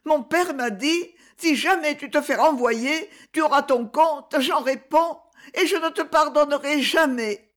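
A woman's voice: high voice, a little slow, voice pushed up. A woman doing a sobbing little boy. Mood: tearful pleading. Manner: pleading, stammering through tears.

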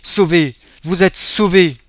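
A man's voice: medium pitch, steady tone, brisk, dry recording, clean studio sound, natural voice. A man reading aloud, voicing a young woman who is breathless with joy in a storybook scene. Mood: overjoyed.

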